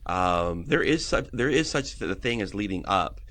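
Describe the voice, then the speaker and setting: A man's voice: fairly low pitch, expressive, normal speed, fairly bright tone. A middle-aged man, a pastor, talking earnestly on a podcast, rambling with many restarts. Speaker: guest worship pastor. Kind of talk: casual podcast conversation.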